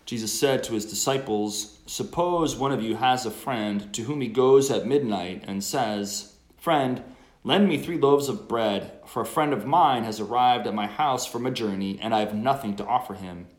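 A man, a priest, reading the gospel and preaching a homily at Mass in a measured, earnest way, his voice ringing in a cathedral-like echo. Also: medium pitch. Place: large church. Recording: echoey church acoustics.

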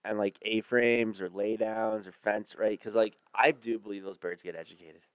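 A man with a Canadian accent and a low, smooth voice, recorded dry and close. He talks like a bro among buddies, casual and slangy, piling on hyperbole as he tells his stories. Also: fairly even intonation, normal speed, no room sound, dull audio. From Ontario, Canada. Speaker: podcast co-host. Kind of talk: casual hunting chat.

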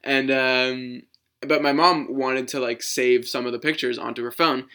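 A man's voice: mid-range voice, steady tone, measured pace, pushed and bright, clear, resonant tone. A young man co-hosting a podcast, telling stories in a rambling, casual way with lots of "like" and restarts. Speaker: podcast co-host. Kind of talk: casual chat.

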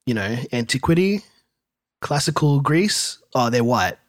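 A man hosts a podcast in natural, unscripted banter. His pitch moves in a lively way and his manner is wry. The recording is dry and close. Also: unhurried, dry recording. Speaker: podcast host.

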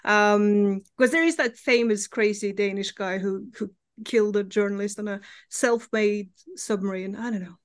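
A woman's voice: medium pitch, fairly even intonation, moderate pace. A woman from Norway with a Norwegian accent, a guest comics writer chatting candidly in an interview, laughing easily and swearing casually.

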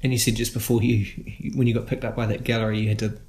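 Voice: medium pitch, flat delivery, fast talker, a little mellow. An interviewer asking short, prompting questions in a casual conversation.

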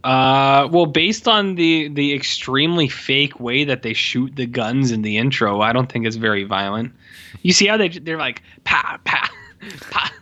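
A man chatting casually and jokingly about films as a podcast co-host, in an animated manner. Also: mid-range voice, moderate pace, muffled recording. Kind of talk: casual, joking movie chat.

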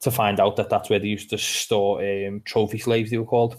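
A man's voice: fairly low pitch, level tone, fairly quick, darkish tone. A man with a Liverpool accent, co-hosting a casual podcast chat and telling stories in a chatty way. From England. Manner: chatty storyteller, swears now and then. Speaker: podcast co-host.

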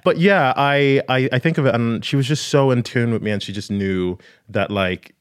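A man's voice: medium pitch, a little fast, clean tone. A man in his thirties, an interview guest telling personal stories informally, often acting out quoted speech. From Ireland, raised in Kerry and Mullingar from age ten. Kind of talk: casual personal storytelling.

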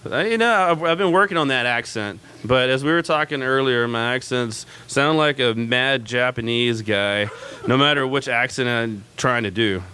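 A man's voice: medium pitch, moderate pace, pushed and bright. A man hosting a casual live radio show from a pub, chatty and self-mocking, with lots of fillers.

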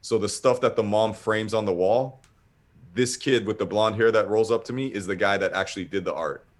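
A man's voice: on the low side, fairly quick. A man casually telling a long story, rambling and swearing, acting out what people said. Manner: rambling, profane, animated retelling with acted-out quotes.

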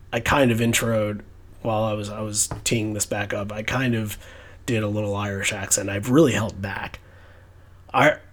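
A man's voice: lowish voice, a bit bright. A man hosting a podcast in casual chat, talking in a rambling, reflective way. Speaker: podcast host.

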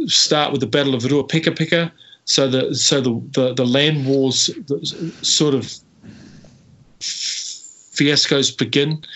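Casual New storyteller man. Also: medium pitch. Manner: casual, animated storyteller with many fillers. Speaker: historian guest. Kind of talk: storytelling interview answer. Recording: slightly muffled audio.

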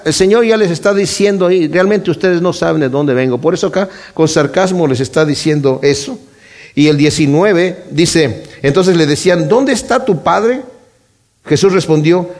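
Man, slightly high voice, earnest Bible preacher who explains verse by verse and lifts his voice for quotes. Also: darkish tone. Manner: earnest, explanatory, rises in pitch when quoting and stressing; addresses listeners directly. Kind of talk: expository Bible sermon.

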